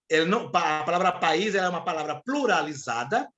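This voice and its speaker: A man's voice: a little high, lively intonation, fast talker, sharp tone, dull audio. A man with a Brazilian Portuguese accent, teaching an online class, explaining rules step by step and checking in with his students. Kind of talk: live online class lecture.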